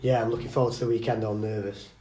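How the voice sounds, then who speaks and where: A man's voice: lowish voice, flat delivery, rapid-fire, mellow. A hungover man chatting casually as a guest on a football fan podcast. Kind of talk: casual chat. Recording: echoey room, off the mic.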